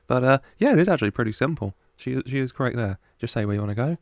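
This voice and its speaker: Guy reacting to a movie, chatty and amused, lowish gravelly voice, close dry mic. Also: animated, rapid-fire, no room sound. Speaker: reaction video host. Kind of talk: casual film reaction commentary.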